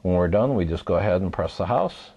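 A man calmly walking through a step-by-step how-to demonstration, patient and methodical, repeating key points. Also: deep voice, brisk, dull audio, background noise. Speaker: home repair instructor.

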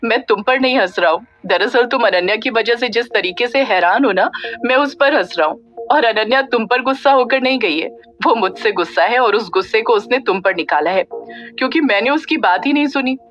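A woman's voice: a little high, fairly quick, fairly bright tone, lightly acted. A woman narrator voicing Dhruv, a playful young man who explains his plans in a teasing, easy way. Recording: dull lo-fi audio with faint music.

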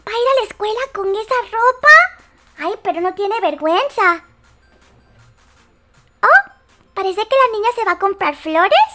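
A woman narrating a doll-game story in a casual, playful way, with excited gasps and exclamations. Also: extremely high pitch, normal speed, pauses often, soft background music. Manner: excited, exclaiming, gasping reactions.

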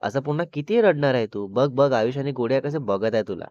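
A male storyteller voicing a gentle middle-aged mother who soothes and mildly scolds her daughter, heard in a slightly dull lo-fi recording. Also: mid-range voice, expressive, fairly quick, dry recording, natural voice. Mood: soothing.

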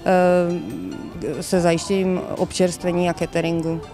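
A middle-aged woman who runs a farm talks into a reporter's handheld mic out in open country. She is steady and matter-of-fact, with a mellow, warm tone. Her pitch stays flat and even. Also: faint music behind. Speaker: organic farm owner. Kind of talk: interview answers.

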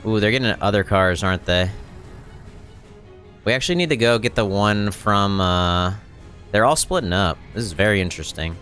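Soft music plays behind a man with a lowish, fairly bright voice speaking at a moderate pace. In his thirties, this game streamer and tutorial host gives casual tips and commentary into a close microphone on a boom arm, which also clearly catches background noise.

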